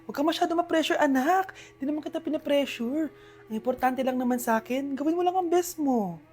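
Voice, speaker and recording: A woman playing a caring mother in a comedy skit, brushing off her child at first and turning soft and reassuring. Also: very high voice, flat delivery, brisk, faint music behind, voice pushed up. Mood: gentle, soft. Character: caring Filipina mother, busy but loving.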